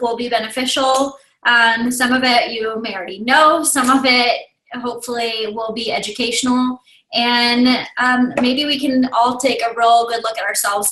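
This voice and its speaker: A woman's voice: high-pitched, reverberant, rough recording. A woman in her thirties, a team leader talking frankly on a video call, confiding and tearful, sniffling at times. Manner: warm, open, confiding, with small laughs. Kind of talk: casual talk on a video call.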